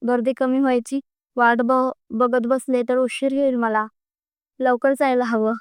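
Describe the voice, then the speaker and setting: A woman's voice: high-pitched, level tone, measured pace, clean tone, no room sound. A woman voicing a shy, timid young woman who speaks hesitantly in a storybook reading. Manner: hesitant, fearful.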